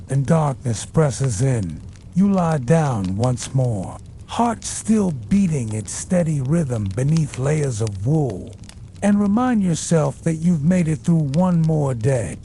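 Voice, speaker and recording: Slow, mellow man narrating a bedtime story. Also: fairly high pitch, sing-song, a little hiss or hum. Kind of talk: soothing bedtime scripted narration.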